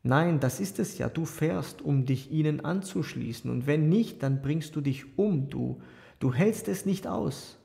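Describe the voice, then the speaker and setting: A man's voice: fairly high pitch, lively intonation, unhurried, gravelly, dark tone. A man voicing an earnest young monk in an audiobook reading, pleading and urgent. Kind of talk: audiobook character voice.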